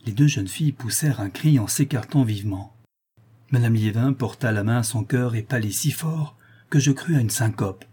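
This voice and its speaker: Guy reading a detective story aloud, dark husky voice, measured. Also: medium pitch. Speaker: narrator.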